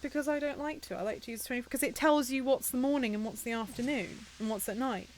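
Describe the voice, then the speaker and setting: A woman's voice: fairly high pitch, quick pace, slight background noise. A young British woman co-hosting a gaming channel, chatting casually over gameplay and laughing often.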